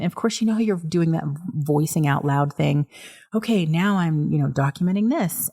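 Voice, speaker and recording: A woman's voice: low voice, vocal fry, darkish tone. A woman in her thirties, a podcast host and nurse educator, chatting through an amused story with plenty of fillers. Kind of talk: casual storytelling.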